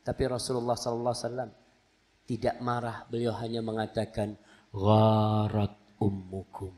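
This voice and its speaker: Speaking quickly at medium pitch, an Islamic preacher fills a big room with his sermon. His stories are lively, peppered with impersonations of the people he quotes.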